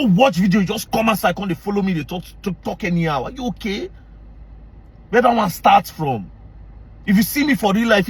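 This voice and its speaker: A man's voice: high voice, slightly rough. A man with a Nigerian accent delivering a heated, confrontational rant to camera, mixing Pidgin into his English. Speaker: online commentator.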